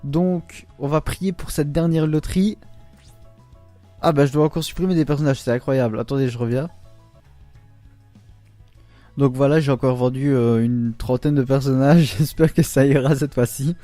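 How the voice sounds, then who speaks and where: A man giving casual commentary on his game pulls, excitable and groaning aloud whenever the luck turns against him. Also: mid-range voice, normal speed, pauses often, no room sound, soft background music. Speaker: gaming YouTuber.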